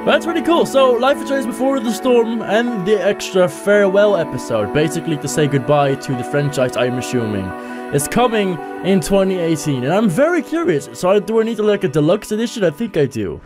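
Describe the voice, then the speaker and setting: A man's voice: high-pitched, darkish tone. A man hosting a reaction video, rambling and hesitant, with many fillers. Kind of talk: casual commentary.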